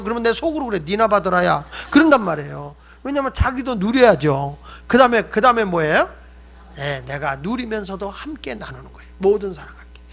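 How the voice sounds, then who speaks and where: A man's voice: high-pitched, fairly bright tone. A male pastor preaching a sermon, telling humorous stories and talking directly to the congregation.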